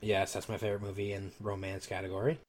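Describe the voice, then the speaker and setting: A man's voice: lowish voice, flat delivery, fast, darkish tone. A man co-hosting a podcast in casual chat, rambling with many fillers and casual swearing. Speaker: podcast co-host.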